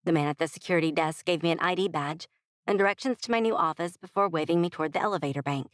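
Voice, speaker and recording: A woman narrates a first-person romance audiobook in a measured, expressive way. Her voice sits on the low side for a woman. The recording is dry and close, from a studio booth. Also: no room sound.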